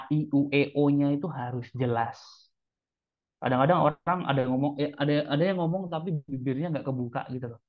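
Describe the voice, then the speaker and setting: A chatty male speaking trainer explains his tips in a relaxed, conversational way. He keeps turning to his listeners and acting out short examples. His voice sits at an ordinary middle pitch, and it comes through thin and narrow, like a phone call. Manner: chatty, addresses listeners as friends, demonstrates examples. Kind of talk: casual teaching talk. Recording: tinny phone-like sound.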